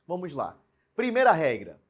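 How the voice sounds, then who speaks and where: A young man with a fairly high voice teaches a recorded grammar lesson. He explains with lively, varied emphasis and keeps asking the viewer questions, often tagging lines with a quick "né?". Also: slightly rough. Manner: lively, explanatory, with frequent rhetorical questions and tag "né?".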